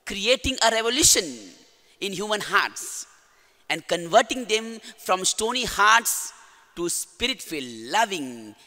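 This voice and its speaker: Indian English male priest, high and sharp-toned, formal homily delivery, long cathedral echo. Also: very animated. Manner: formal, measured liturgical delivery. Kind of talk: reading the gospel and preaching a homily. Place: large church. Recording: long church reverb.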